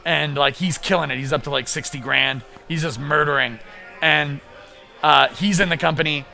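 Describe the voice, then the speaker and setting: A man guesting on a podcast, talking in an excited rush with plenty of swearing and quick restarts. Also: fairly high pitch, gravelly, soft background music. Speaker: podcast guest, comic book creator. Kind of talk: casual podcast chat.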